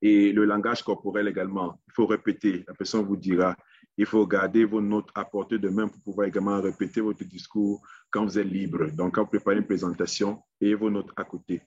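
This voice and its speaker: A man with a fairly low, husky voice teaches an online lesson on public speaking. He stops and repeats small words while he looks for the right phrasing. His voice comes through a dull, lo-fi webinar microphone with no room sound. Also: level tone, a little fast, darkish tone, dry recording.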